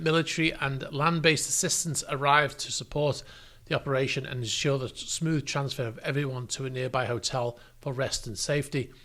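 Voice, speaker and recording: A man's voice: fairly high pitch, bright, forceful tone. A man hosting a news show, reading out statements and adding wry, critical asides in a conversational way. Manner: conversational, reads statements and comments aloud. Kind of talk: news commentary.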